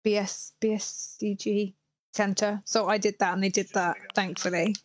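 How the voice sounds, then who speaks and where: A woman in her thirties from Herefordshire, England, with a Welsh-border English accent, chats casually on a live stream as she plays a game and reads out viewer messages. Her medium-pitched voice is flat and at normal speed, captured by a headset in a small indoor room with no room sound.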